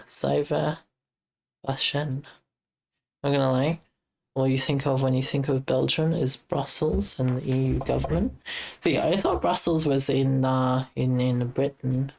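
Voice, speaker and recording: Very low, gravelly Australian woman streamer. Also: darkish tone. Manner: rambling, reads chat messages aloud and answers them. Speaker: livestreamer. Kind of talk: casual rambling stream chat.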